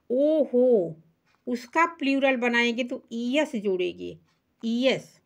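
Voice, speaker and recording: A woman teaching children English singular and plural words, patiently spelling them out letter by letter. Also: fairly high pitch. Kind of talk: children's English vocabulary lesson.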